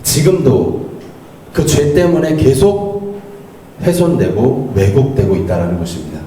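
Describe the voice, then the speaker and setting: A middle-aged man preaching a sermon as an associate pastor, lively and animated, acting out quoted lines as he teaches. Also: medium pitch, measured pace. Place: church hall. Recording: roomy church hall, mic at a distance, faint noise.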